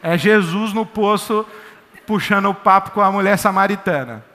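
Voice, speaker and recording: A man preaching a sermon in a church, lively, conversational and joking. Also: sits high, normal speed. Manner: lively, conversational, jokey storytelling. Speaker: pastor. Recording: echoey church hall.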